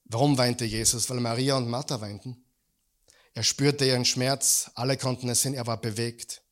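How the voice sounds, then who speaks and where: A man preaching a sermon as pastor in a church, asking the congregation questions and swinging from loud peaks to quiet low lines. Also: fairly even intonation, moderate pace.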